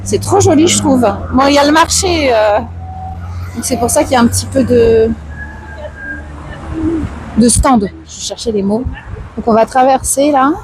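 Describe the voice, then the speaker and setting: A woman with a hoarse, tired voice, chatting casually and answering viewers on an outdoor livestream. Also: sits high, moderate pace, pauses often, background noise. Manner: chatty, slangy, reads out and answers chat. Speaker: live streamer chatting with viewers. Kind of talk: casual chat, IRL livestream. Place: outdoors, walking through town streets.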